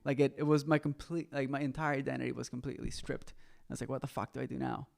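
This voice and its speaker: A man's voice: medium pitch, fast, vocal fry. A young man from Costa Rica, a guest musician chatting casually, full of fillers and "like". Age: young adult. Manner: relaxed, filler-heavy, says like often. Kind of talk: casual chat.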